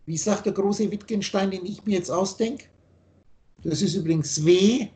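A man's voice: high-pitched, moderate pace, dark tone. Man lecturing insistently over a video call. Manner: insistent, lecturing, spells out letters. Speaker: spiritual teacher. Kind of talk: teaching monologue on a video call.

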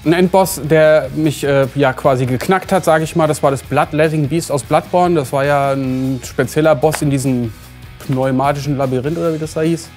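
Man searching for words, fairly high. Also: steady tone, normal speed, a little mellow, faint music behind. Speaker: games show regular. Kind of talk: casual anecdote.

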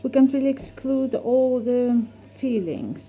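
A woman's voice: sits high, measured pace, mellow, slightly rough. A woman dentist talking a patient through treatment in short, simple remarks. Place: small dental surgery. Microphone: action camera, slightly away. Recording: noisy clinic room on action camera.

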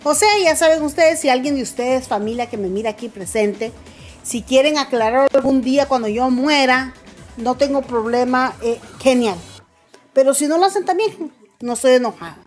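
Woman gossip host, fairly high voice, theatrical and mocking delivery, faint music bed. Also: moderate pace. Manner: dramatic, mocking, calls her viewers "familia". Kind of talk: gossip commentary.

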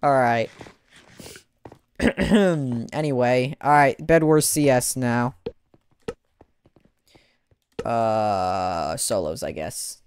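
A man casually commentating a live gaming stream, excitable, exclaiming and laughing as he plays. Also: medium pitch, extremely slow, slight background noise. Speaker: gaming livestreamer.

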